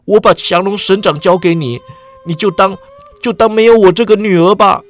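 A man's voice: high-pitched, steady tone, normal speed, natural voice. A man voicing a stubborn young swordswoman. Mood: pleading. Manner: pleading, firm and earnest.

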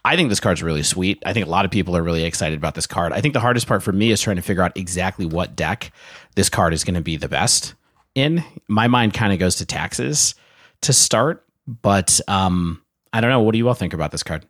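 A man co-hosting a casual podcast, chatty and joking, reading out card text and giving shout-outs. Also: low-pitched, expressive, fairly quick, dry recording, studio quality. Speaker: podcast co-host.

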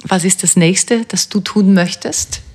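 A woman's voice: mid-range voice, measured pace, a little mellow, husky. A woman hosting a podcast, interviewing her guest with short, probing questions. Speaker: podcast host.

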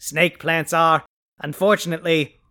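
A pompous, theatrical male supervillain , as a performer puts him on, lords it over his listeners with bombastic decrees and sneering insults. His voice is bright and cutting, and his temper flares easily. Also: medium pitch, steady tone, measured pace. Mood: bossy. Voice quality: bombastic, grandiose proclamations. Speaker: podcast host. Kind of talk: comic scripted podcast.

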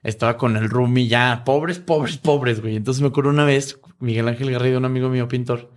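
A middle-aged man with a Mexican Spanish accent, speaking at medium pitch with fairly even intonation and a fairly quick pace, is a guest in an interview. He tells stories in casual, profane slang and acts out the voices of the people in them.

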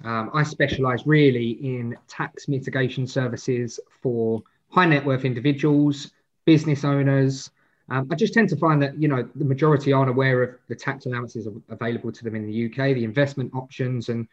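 A man's voice: mid-range voice, steady tone, brisk, highs cut off. A man in his twenties with an Essex accent, giving casual, informal interview answers as a guest, often hesitating and rephrasing. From Essex, England. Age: 20s. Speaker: podcast guest, wealth manager.

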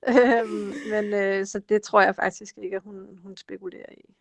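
A woman's voice: medium pitch, little pitch movement, crowd noise. A woman guest in an interview, explaining how politicians use language, hesitant with frequent fillers. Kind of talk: conversational interview.

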